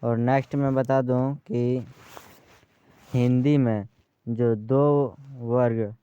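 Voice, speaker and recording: Slow, deep-toned male teacher. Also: steady tone, warm tone, smooth, dry recording, lo-fi sound. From Bihar, India. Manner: slow, repeats key terms for students. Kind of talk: grammar lesson.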